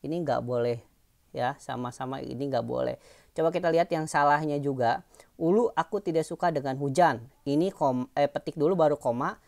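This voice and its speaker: A woman's voice: sits low, a little fast, creaky, a little mellow. A woman teacher giving an online lesson, explaining patiently in a chatty way with fillers and tag questions.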